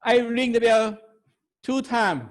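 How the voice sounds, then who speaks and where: Slow, high-voiced Thai-accented man presenting. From Thailand. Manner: halting, broken English in short phrases. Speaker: webinar presenter. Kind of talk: technical webinar lecture.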